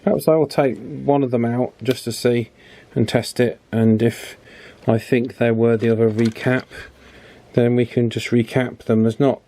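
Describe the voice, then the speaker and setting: With a medium-pitched, dark-toned voice in a dry recording, this electronics repair host gives casual, unscripted commentary while he works. He's chatty and leans on tag questions.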